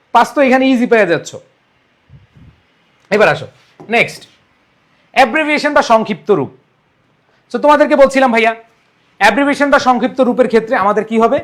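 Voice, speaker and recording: A man's voice: very high voice, fairly bright tone. A young man teaching an online exam-prep English lesson, coaxing and repeating rules for his students. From Bangladesh.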